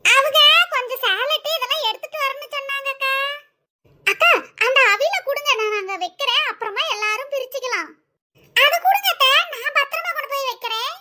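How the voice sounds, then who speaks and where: Woman doing nosy cartoon village women, very high squeaky voice, bright tone. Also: fairly quick, full character voice. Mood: teasing. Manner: teasing, scolding. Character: nosy teasing village women at a wedding feast. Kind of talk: animated comedy dialogue.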